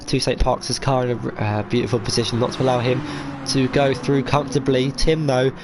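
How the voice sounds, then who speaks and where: A man's voice: mid-range voice, flat delivery, a little fast, noisy background. A man giving live motorsport commentary on a sim race, hesitant and full of fillers as he follows each move.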